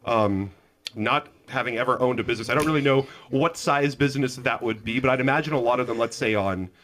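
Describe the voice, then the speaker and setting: A man hosting a local radio interview program, asking his guest questions in a relaxed, conversational way. His pitch is ordinary for a man, and he often restarts his sentences mid-question. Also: fairly quick. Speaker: radio show host.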